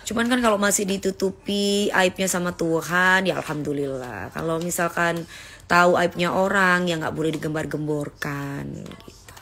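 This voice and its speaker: A woman hosting a casual livestream on her phone, chatting with viewers and lecturing her son in a warm, teacherly way. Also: fairly low pitch, moderate pace, a little hiss or hum. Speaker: livestream host reading viewer comments. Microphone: phone held for a livestream.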